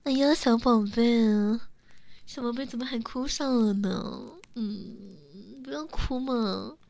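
A young woman acting a teasing, coaxing young woman who calls herself big sister, in an intimate role-play audio spoken close to the mic with soft whispers. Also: mid-range voice, fairly even intonation, measured pace, no room sound, close to an everyday voice.

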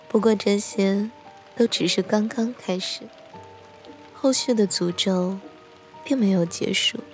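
A woman voicing a soft-spoken young hotel attendant in an audio drama, gently teasing her guest before dropping into a hushed, slow telling of a ghost story. Her voice sits at a middle pitch, and faint music plays underneath. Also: natural voice. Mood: eerie. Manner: gentle, teasing, slows and hushes for eerie moments. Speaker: hotel staff member telling a ghost story to a horror writer.

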